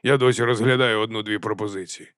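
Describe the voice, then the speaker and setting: A man voicing a gloomy, curt middle-aged watch captain in an audiobook, speaking slowly. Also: lowish voice, steady tone, a bit bright, no room sound, studio quality, lightly acted. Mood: awkward. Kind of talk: audiobook character voice.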